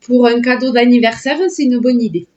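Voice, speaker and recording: A woman's voice: fairly high pitch, flat delivery, a little fast, darkish tone, dull audio. A woman chatting casually and delightedly through a sponsored unboxing, full of little filler words. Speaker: vlogger unboxing a product.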